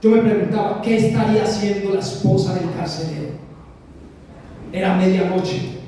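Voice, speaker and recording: Recorded from afar in an echoey, large church hall, a Colombian man preaches emphatically and repetitively, frequently addressing the congregation directly. His voice is high and dark, his speed normal, with slight background noise.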